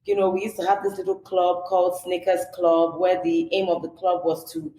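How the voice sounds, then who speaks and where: A young Nigerian woman with a Nigerian accent and a low, dark voice speaks at a moderate pace with flat delivery. She's a podcast guest in a casual interview chat, sprinkling her speech with lots of "you know" fillers. The room is echoey, and background noise can be heard.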